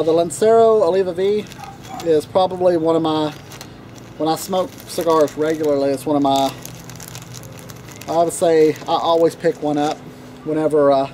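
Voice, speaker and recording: A man with a Southern accent chatting casually to camera about cigars, relaxed and rambling with lots of fillers, recorded outdoors on a deck. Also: a little high, a little hiss or hum. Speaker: cigar vlogger.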